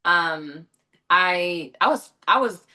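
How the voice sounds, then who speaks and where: Her voice is on the low side, expressive, slow, bright, and forceful. She's a young Los Angeles actress answering interview questions as a guest, chatty and prone to fillers and self-corrections.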